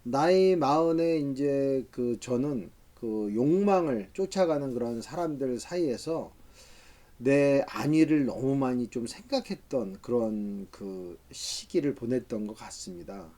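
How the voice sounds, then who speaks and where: A man's voice: mid-range voice, animated, measured pace, dark tone. A man in his fifties, a professor, giving a reflective talk-style book review lecture with frequent hesitations. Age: 50s.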